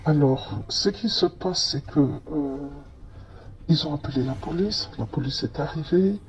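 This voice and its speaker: A man's voice: fairly high pitch, a little slow, breathy edge, dull audio. Hesitant man telling a story. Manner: hesitant, many fillers and restarts. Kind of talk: first-person testimony narration.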